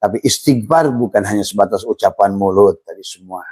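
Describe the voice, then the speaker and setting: Middle-aged male religious teacher, lowish voice, halting, filler-heavy, calls the audience friends. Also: a little mellow, husky, no room sound. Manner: slow, halting delivery with many fillers and repeated words; addresses listeners as friends, refers to himself in third person. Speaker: Islamic mysticism teacher. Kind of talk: informal religious lecture.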